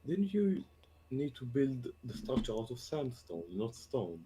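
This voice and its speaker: A man asking skeptical questions in a casual chat. His voice is dark and mellow, but his pitch swings widely as he talks. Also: sing-song, a little slow, slight background noise.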